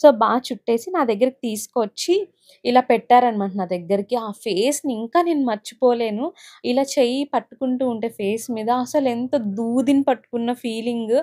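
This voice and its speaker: Higher-pitched Telugu woman telling her story. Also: brisk, warm tone. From India. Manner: emotional, heartfelt recounting with many fillers. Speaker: vlogger. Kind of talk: personal storytelling vlog.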